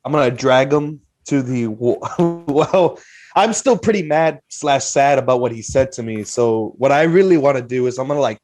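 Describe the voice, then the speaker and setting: A man's voice: mid-range voice, moderate pace, a little mellow, soft background music. A man chatting casually as a player in a tabletop role-playing game. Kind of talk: casual chat.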